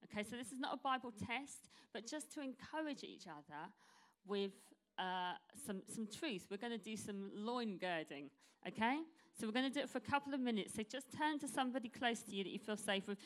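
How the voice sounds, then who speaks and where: A woman's voice: a little high, expressive, brisk. A middle-aged woman preacher giving an informal, chatty, self-deprecating sermon to a congregation, pronouncing her R's as W's. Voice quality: cannot say her R's, says w for r. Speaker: church preacher.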